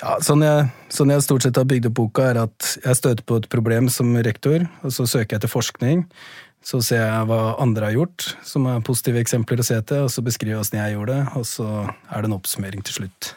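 A man's voice: medium pitch, a little mellow, no room sound. Thoughtful man, dry close sound. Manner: thoughtful, hesitant with frequent fillers. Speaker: school principal and author. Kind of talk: podcast interview.

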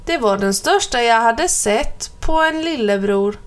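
Woman reading fussy sweet teacher lady, kinda flustered, slightly high. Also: expressive, natural voice. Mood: admiring. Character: flustered, kindly female schoolteacher.

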